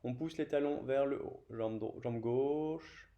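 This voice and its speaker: A man with a French accent guiding a beginner yoga class, calmly cueing each breath and movement. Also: medium pitch, slow, dull audio. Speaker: yoga teacher. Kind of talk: guided yoga class instruction.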